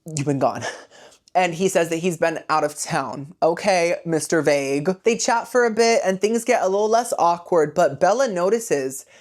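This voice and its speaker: A woman's voice: fairly low pitch, normal speed, few pauses, a little mellow. A woman hosting a comedic movie retelling podcast, full of sassy, rambling asides. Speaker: host.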